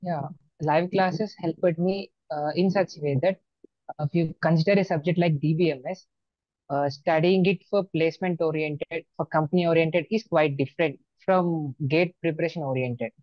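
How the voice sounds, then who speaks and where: A man's voice: fairly high pitch, fairly even intonation, normal speed, dry recording. A man in his early twenties, a native Telugu speaker with a Telugu Indian accent, answering interview questions on a lo-fi video call. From Andhra Pradesh, India. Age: early 20s. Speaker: student exam topper being interviewed. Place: small plain room indoors. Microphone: wired earphones on video call. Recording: dull lo-fi video-call audio.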